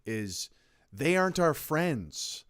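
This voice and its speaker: A man's voice: on the high side, very animated, takes it slowly, crowd noise. A young man, co-hosting a casual political chat. He rants emphatically and often restarts his sentences. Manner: emphatic, ranting, with frequent restarts. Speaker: podcast co-host.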